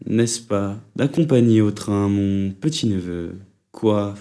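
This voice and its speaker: A man putting on a halting, hesitant old teacher. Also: lowish voice, dark tone, pitched below the performer's own voice. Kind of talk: audiobook reading.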